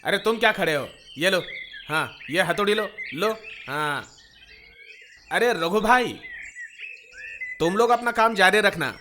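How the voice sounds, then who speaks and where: A man's voice: sits high, expressive, unhurried, pauses often, bright, forceful tone, a little hiss or hum, exaggerated voice. An actor dubbing a cheerful newly married young man, bossy with workers and polite to an elder, in a film scene. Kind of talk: Hindi film dub acting. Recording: film soundtrack with faint music.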